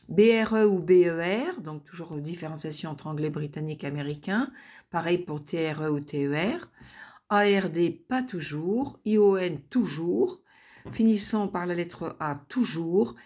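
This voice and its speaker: A woman's voice: on the low side, a little mellow, husky. A woman teacher reading through a pronunciation table in a recorded lesson, spelling out letters and modelling words one by one. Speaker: English teacher.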